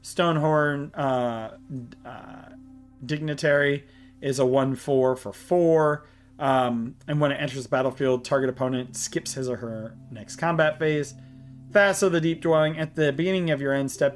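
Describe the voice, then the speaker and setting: A man hosting a card game channel, walking through a deck and reading card text aloud in a halting way, short of breath. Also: medium pitch, soft background music. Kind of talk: deck tech walkthrough.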